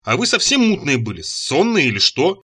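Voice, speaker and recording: A slow-witted, easily frightened servant, voiced by a male reader in an audiobook. His speech is plain and hesitant, and his tone stays bright and lively. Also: a little high, breathy edge, heavily acted. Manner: simple, hesitant, fearful speech. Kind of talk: audiobook character voice.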